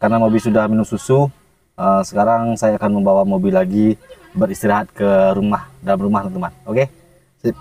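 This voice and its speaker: A man casually vlogging to his viewers about his pet monkey, talking gently and coaxing it with soft chuckles. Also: medium pitch, very animated, a little fast, gravelly, distant mic. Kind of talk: casual vlog narration to viewers.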